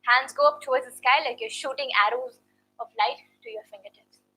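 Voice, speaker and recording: Woman yoga instructor, high bright voice, guiding poses and counting breaths, slightly winded. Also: fairly quick, poor audio. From India. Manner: counts reps, checks in with frequent "okay?". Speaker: yoga teacher. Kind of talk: guided yoga class instruction.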